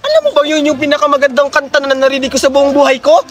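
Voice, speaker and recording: A man putting on the voice of a bossy middle-aged woman who hands out gifts to children and scolds them loudly. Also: very animated, quick pace, highs cut off. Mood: pleased. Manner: scolding, shrill, theatrical.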